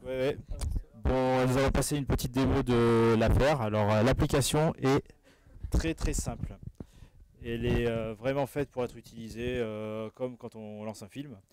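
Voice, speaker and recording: A man giving a live product demo on stage in a relaxed, chatty manner. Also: mid-range voice, unhurried, a little hiss or hum. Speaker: product demonstrator.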